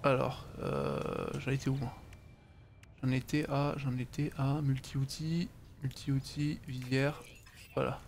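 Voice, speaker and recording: A man's voice: medium pitch, flat delivery, slow pace, gravelly, darkish tone, a little hiss or hum. A man giving casual gaming commentary, muttering to himself and swearing offhandedly. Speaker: let's play host.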